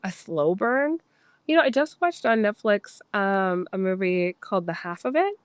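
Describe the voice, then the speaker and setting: A woman's voice: mid-range voice, very animated, normal speed, smooth, no room sound. A woman chatting casually as an interview guest, rambling as she thinks aloud and voices imagined reactions. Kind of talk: casual chat.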